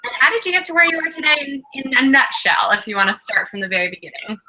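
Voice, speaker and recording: A woman's voice: high voice, sing-song, quick pace, background noise. A woman hosting a live interview show, upbeat and enthusiastic as she welcomes and questions her guest. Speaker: host.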